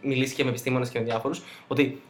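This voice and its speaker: A man co-hosting a podcast, chatting casually with loose swearing and quick reactions. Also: mid-range voice, level tone. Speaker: podcast co-host. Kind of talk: casual chat.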